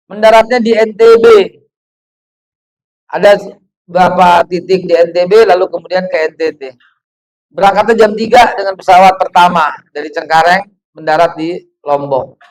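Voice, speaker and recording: A man, preaching to a women's gathering in an animated storytelling way, full of rhetorical questions. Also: high voice, moderate pace, long pauses, low-quality recording.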